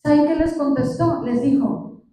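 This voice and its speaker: A woman with a high voice preaches a storytelling sermon, stopping often to ask her listeners questions. She sounds far from the microphone, in a church hall with heavy echo. Faint noise hangs under her voice. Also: normal speed, dark tone. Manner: retells the story, asking the congregation questions. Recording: echoey hall, distant mic, faint noise.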